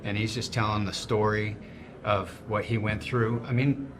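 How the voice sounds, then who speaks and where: A man's voice: lowish voice, little pitch movement, a crowd in the background. A man, a restaurant owner and chef, chatting as a guest in a casual conversation, enthusiastic and restarting his sentences often. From grew up in snowy region. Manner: enthusiastic, talks in quick bursts with restarts.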